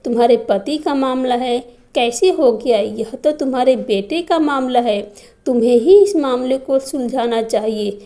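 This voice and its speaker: A meddling middle-aged neighbour woman pries into family business and scolds reproachfully, read by a woman narrator. The voice runs high, with a mellow tone and an unhurried pace. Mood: prying. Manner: prying and reproachful.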